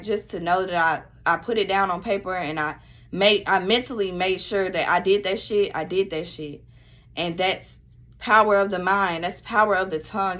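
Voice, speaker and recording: A woman's voice: medium pitch, a bit bright. A woman speaking talks straight to the camera in a casual motivational vlog. She is blunt and profane, and she preaches her point again and again. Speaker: vlogger.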